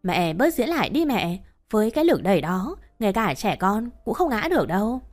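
A wronged young wife who talks back firmly and coldly, voiced by a woman reading an audio story. The pitch stays at an everyday middle level. Soft music runs behind. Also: very animated, moderate pace. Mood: cold defiant. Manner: firm, cold retorts.

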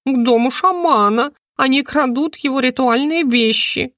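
A woman voicing an excitable small female magical creature with a shrill, rapid way of exclaiming. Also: no echo, clean studio sound. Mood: panicked.

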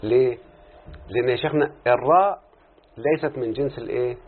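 A man's voice: mid-range voice, fairly quick. A man with an Egyptian Arabic accent teaching a classroom lesson. He keeps checking in with his students, repeats points, and stretches out syllables as he explains. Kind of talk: classroom lesson with call-and-response. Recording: tinny phone-like lo-fi sound with faint background noise.

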